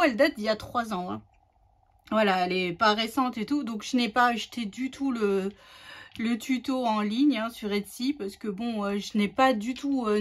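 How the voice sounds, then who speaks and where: A woman hosting a casual crafting tutorial, chatty and rambling, with many fillers and restarts. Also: a little high.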